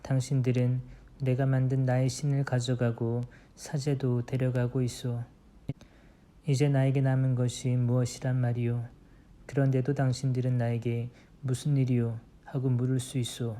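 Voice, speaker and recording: A man's voice: mid-range voice, level tone, normal speed, warm tone, close to an everyday voice. A man reading the quoted complaint of a man who has been robbed, in a plain reading voice. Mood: aggrieved. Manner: quoted lines read plainly. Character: aggrieved man robbed of his idols.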